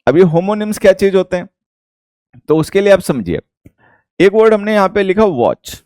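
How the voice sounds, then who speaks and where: An English teacher from India with an Indian accent, explaining a lesson slowly and repeating each point. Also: male voice, high voice, very animated, a little mellow, no room sound, studio quality.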